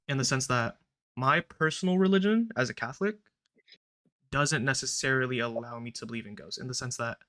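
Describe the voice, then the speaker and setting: Bright-voiced young male podcast host. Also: mid-range voice. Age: young adult. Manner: relaxed, rambling, filler-heavy, recites a prayer. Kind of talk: casual podcast chat.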